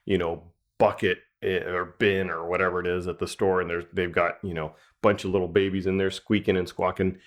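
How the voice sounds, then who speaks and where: Chatty low-voiced radio host. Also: male voice. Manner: chatty storyteller, acts out quotes. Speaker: radio show host, estate planning lawyer. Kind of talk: casual radio talk.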